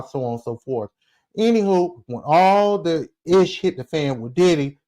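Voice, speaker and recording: A man's voice: a little high, a little mellow. Chatty forty-year-old man vlogging gossip. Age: 40s. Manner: chatty, talks straight to viewers, frequent asides and rhetorical "okay?". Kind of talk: casual commentary vlog.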